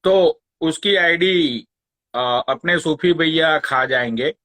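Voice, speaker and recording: A man's voice: on the high side, slow pace, sharp tone. A man hosting a live stream, ranting sarcastically and taunting a rival, swearing often. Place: Long Island, New York.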